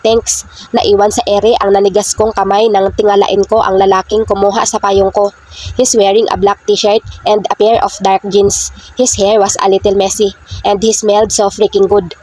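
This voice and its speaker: A woman narrating a first-person romance novel as a reader, reading in a flat, steady way. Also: mid-range voice, normal speed. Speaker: audiobook reader. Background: faint background music.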